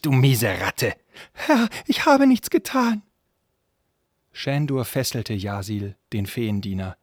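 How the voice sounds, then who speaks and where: A man narrating a fantasy story in a calm, measured reading voice. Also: fairly low pitch, no echo, clean studio sound.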